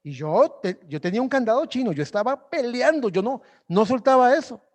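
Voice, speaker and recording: A male pastor preaches with passion, his voice sitting high for a man. He swings between ringing exhortation and hushed, pleading prayer. A long church reverb trails after his words. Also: lively intonation, fairly quick. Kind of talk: sermon. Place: church sanctuary.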